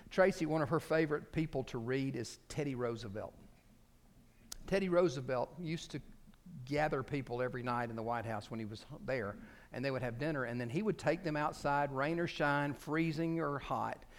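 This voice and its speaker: A man preaching a sermon, swinging between loud emphasis and quiet asides and acting out quoted speech. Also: medium pitch, moderate pace. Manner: acts out quoted speech in his telling. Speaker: pastor.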